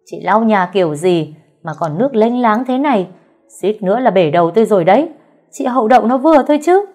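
A woman acting out a harsh, domineering mother-in-law in an audio story, raising her voice to a shrill, loud scold. Her pitch jumps high above the reader's normal low voice. Soft music plays faintly beneath. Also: lively intonation, brisk, lightly acted. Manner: shrill, shouting and berating.

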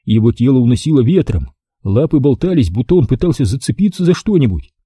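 A man narrating an audiobook in a lively, expressive storytelling manner. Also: mid-range voice, fast, breathy edge, no echo, clean studio sound.

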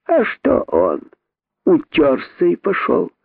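A male narrator voicing a cheeky, sharp-tongued female monkey mother who talks in a slow, mocking drawl. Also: sits high, wildly swooping pitch, vocal fry, slightly rough, dry recording, voice pushed up, exaggerated voice. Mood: smug. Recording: narrow phone-like band.

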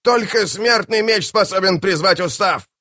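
A man's voice: a little high, animated, moderate pace, fairly bright tone, no room sound, pitched above the performer's own voice. A male audiobook reader voicing a desperate, shrieking masked priest who protests with indignation. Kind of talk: audiobook character voice.

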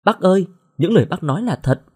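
A man voicing a gentle, heartbroken young woman in an audio story, pleading through tears. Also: sits high, lively intonation, fast, slightly rough, pitched above the performer's own voice. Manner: pleading, tearful.

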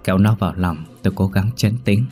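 Deep dark-voiced male horror narrator. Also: soft background music. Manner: steady, measured storytelling.

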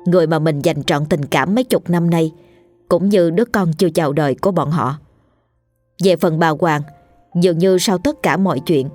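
A woman narrating a ghost story in a steady, measured scripted reading. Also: lowish voice. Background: faint music.

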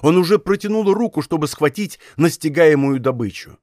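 A male narrator reads an adventure novel in a measured, dramatic way, building the tension of a chase. His voice sits a little high for a man. It is recorded close and dry in a studio, with no room sound. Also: expressive, darkish tone, no echo. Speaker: audiobook narrator. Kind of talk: scripted narration.

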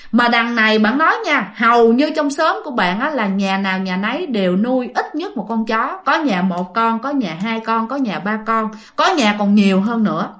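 A woman's voice: fairly high pitch, fairly bright tone. A woman telling a listener's ghost story in a chatty way, speaking straight to her listeners. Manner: chatty, addresses listeners directly.

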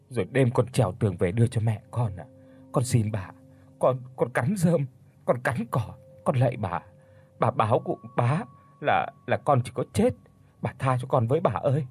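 A man voicing a frightened young servant girl who stammers as she begs for mercy, in a husky voice. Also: mid-range voice, darkish tone. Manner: stammering pleading.

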